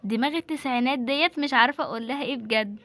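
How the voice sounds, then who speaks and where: A sassy, exasperated teenage daughter with an Egyptian accent, as a woman puts her on, arguing loudly and fast. Her voice rides high in this homemade drama. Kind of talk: amateur voiced home drama.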